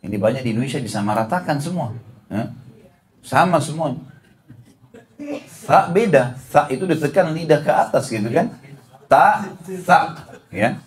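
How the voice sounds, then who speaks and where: A middle-aged man giving an Islamic study lecture as a preacher. He speaks straight to his audience, repeats his points and slowly sounds out Arabic letters to show how to say them. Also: medium pitch, animated.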